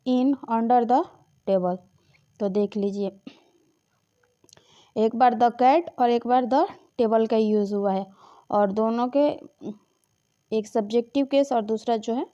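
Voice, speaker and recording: A woman leads an exam-prep grammar lesson, explaining step by step and repeating the key points. Her voice sits a little high and sounds mellow. The recording is somewhat dull and lo-fi. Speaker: teacher.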